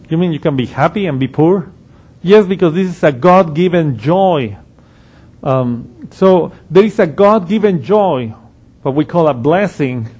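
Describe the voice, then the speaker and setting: A man's voice: a little high, darkish tone. A man preaching a sermon, explaining scripture verse by verse with frequent restarts and quoted passages. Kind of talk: expository sermon.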